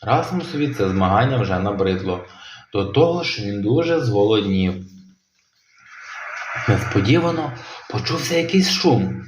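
Animated man telling a children's tale. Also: lowish voice, moderate pace, long pauses, a little hiss or hum. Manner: animated, expressive. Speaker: storyteller. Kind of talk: children's audio tale narration. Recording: roomy, slightly dull home recording.

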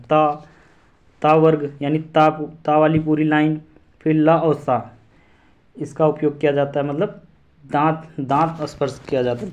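A man's voice: on the high side, a little mellow, highs cut off. A man teaching an exam-prep lesson, repeating syllables and memory rhymes aloud to drill them in.

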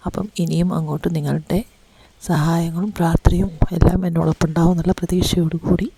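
Fast-talking woman, dust-hoarse throat. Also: fairly low pitch, flat delivery, noisy background. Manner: chatty, addresses viewers directly, frequent tag words. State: throat irritated by dust, voice fading at times. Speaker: vlogger. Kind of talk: casual home tour narration. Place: house under renovation, indoors.

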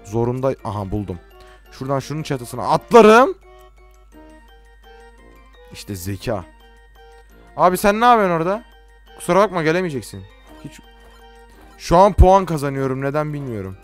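A teenage man from Turkey giving casual, joking gameplay commentary, talking to game characters and swinging from quiet mutters to sudden shouts. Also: a little high, big pitch swings, fairly quick, pauses often, faint music behind. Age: late teens. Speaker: gaming YouTuber.

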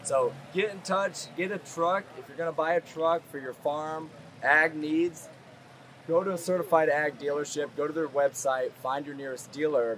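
A man in his thirties at an outdoor farm show giving an upbeat promotional pitch with direct calls to action. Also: a bit bright. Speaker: company rep hosting the video. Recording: music playing behind.

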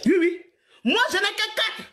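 A woman in her forties rants on a live stream in a very high, bright, forceful voice. She scolds at length, laughs often, and keeps repeating herself. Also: unhurried. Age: 40s. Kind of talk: heated live-stream rant.

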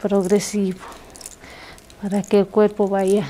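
A young woman narrating an ASMR massage in a hushed, intimate, soothing voice that is close to a whisper. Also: medium pitch, flat delivery, slow pace, a little hiss or hum. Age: young adult. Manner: hushed, intimate, soothing soft-spoken delivery, dropping into whispers. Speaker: massage practitioner. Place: small living room, indoors.

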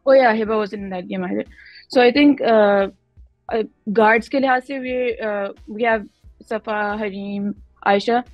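A woman's voice: mid-range voice, fairly even intonation, moderate pace, no echo, dull audio, faint music behind. A young Pakistani-accented woman giving conversational interview answers as a guest player, switching between Hindi-Urdu and English mid-sentence. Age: young adult. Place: indoor room, on a video call.

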